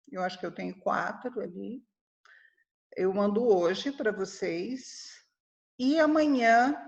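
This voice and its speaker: Slow-paced teacher woman, higher voice. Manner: explanatory, checks in with "tá?" and "né?". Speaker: Portuguese teacher. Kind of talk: online grammar lesson.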